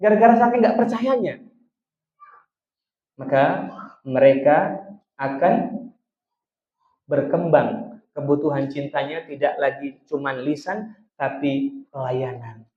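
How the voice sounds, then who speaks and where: A man's voice: a little high, slow, pauses often. A man, a psychologist, giving a chatty religious talk on marriage, speaking directly to the husbands and wives in his audience. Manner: chatty, addresses audience directly as sirs and ladies. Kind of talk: religious study talk to couples. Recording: echoey room, dull lo-fi sound.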